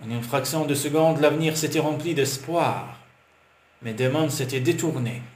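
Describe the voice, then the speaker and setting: A man narrating a romance audiobook in an even, measured storytelling manner. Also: mid-range voice. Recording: roomy with faint hiss.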